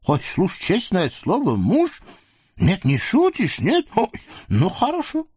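A man's voice: wildly swooping pitch, darkish tone, breathy edge, no room sound, clean studio sound, full character voice. A man voicing a greedy, childish sultan who talks in wheedling exclamations. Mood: indignant, delighted. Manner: shrill wheedling exclamations with drawn-out "eh". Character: greedy, childish male sultan, gleeful and fickle.

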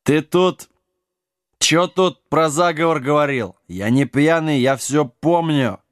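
A man's voice: fairly high pitch, slow, dry recording, clean studio sound. A man voicing a drunk, brash, self-styled mad king who talks in swaggering slang. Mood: tipsy swagger.

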